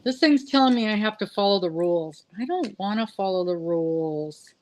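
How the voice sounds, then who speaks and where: A woman's voice: mid-range voice, lively intonation, moderate pace, darkish tone. A woman in casual, playful chat during a live crochet stream, her voice muffled as if underwater over a remote call. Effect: muffled, underwater-sounding connection.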